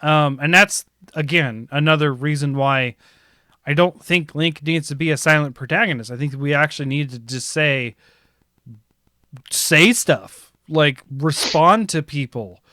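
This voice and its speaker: Bright-voiced man in animated chat. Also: a little high, a little slow, no room sound, clean studio sound. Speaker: podcast co-host. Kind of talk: casual gaming chat.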